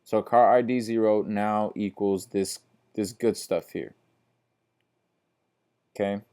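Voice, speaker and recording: This instructor is a man whose voice sits fairly low, with a steady, dark, clean tone. Sleepy and yawning, he takes a programming class through code one step at a time, addressing viewers as "guys" and going over steps again slowly in a relaxed, repetitive way.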